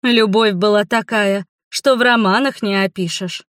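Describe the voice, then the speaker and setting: A woman's voice: mid-range voice, fairly even intonation, moderate pace, a bit bright, no echo, lightly acted. Woman doing a gushing gossipy townswoman. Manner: gushing, exclaiming, dramatic. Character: chatty kindly older townswoman gossiping.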